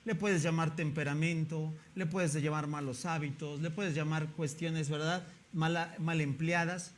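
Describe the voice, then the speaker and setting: A man's voice: a little high, fairly even intonation, measured pace. A male pastor, preaching a sermon in a conversational way and often asking the congregation rhetorical questions.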